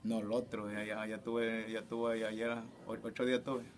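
A man from the coast of Oaxaca, Mexico, with a local Spanish accent, telling his story in an interview, halting and repeating himself. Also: lowish voice, flat delivery, crowd noise. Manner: halting, repetitive storytelling with many restarts. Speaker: fisherman recounting an attack. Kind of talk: interview testimony.

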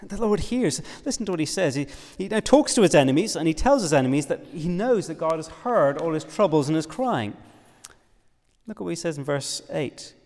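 A man with an Irish accent preaching an expressive, emphatic sermon, quoting scripture. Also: fairly high pitch, fairly quick, big-room sound. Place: church.

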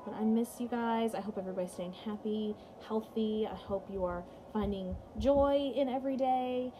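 A young woman's fairly high, dark-toned voice comes through a rough recording as she teaches music at a moderate pace. It is a read-aloud lesson for children, and she talks and explains directly to her pupils from a small indoor room at home.

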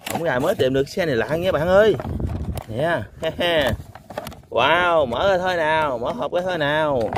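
A man hosts an outdoor toy-hunting vlog in a high, bright voice. He keeps exclaiming and chuckling as he talks straight to his viewers. A faint hiss sits under the recording. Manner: exclaims "wow" often, chuckles, addresses viewers. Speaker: toy vlogger. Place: outdoors on a sandy lot.

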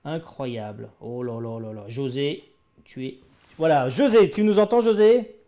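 Hosting an online show from an indoor studio, a man interviews a guest over a video call with enthusiastic, exclamatory energy. His mid-range voice is dark in tone and unhurried.

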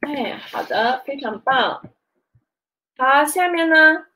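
A woman's voice: high-pitched, animated, sharp tone, poor audio. A woman teaching a Mandarin lesson, switching into English to explain and often checking with the learner. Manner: slow, drawn-out teaching with frequent fillers and checks. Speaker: Chinese teacher. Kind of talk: bilingual language lesson.

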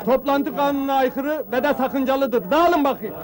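A man's voice: very high voice, moderate pace, very noisy. An actor playing a naive, officious night watchman who lectures solemnly about duty and the law, in a comic film. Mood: bossy. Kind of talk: 1980s film comedy acting. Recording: film soundtrack with guitar music.

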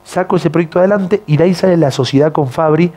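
A man with an accent mixing Argentine and Bolivian Spanish, a TV news presenter telling stories as a guest in a casual interview, animated and acting out the voices of the people in his stories. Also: a little high, fast. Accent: mixed Argentine and Bolivian Spanish. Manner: animated, acts out quoted voices.

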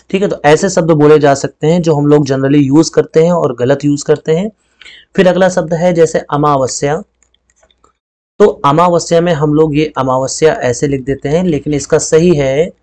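A man's voice: a little high, darkish tone. A man teaching a Hindi spelling lesson. He explains step by step and says each word twice. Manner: explains step by step, often adding "ठीक है" and repeating words.

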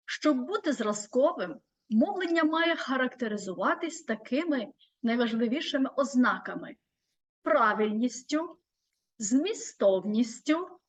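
A woman teacher giving a scripted presentation, measured and deliberate, stretching out listed terms slowly. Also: sits high.

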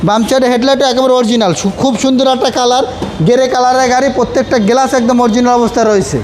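A Bangladeshi man giving a used car salesman's pitch, repeating phrases for emphasis. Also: fairly even intonation, fast talker. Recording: faint background noise.

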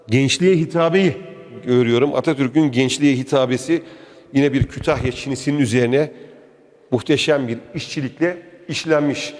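A travel vlog host tours a museum, giving casual, chatty, enthusiastic walking-tour commentary and addressing the viewer directly. His voice is medium-pitched and a little mellow, echoing through the indoor museum hall.

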